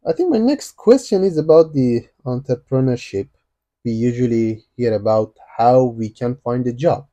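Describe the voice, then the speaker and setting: A man's voice: mid-range voice, animated, normal speed, dark tone. A man hosting a podcast interview, polite, asking questions and thanking his guest. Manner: polite, brief acknowledgements. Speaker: podcast host.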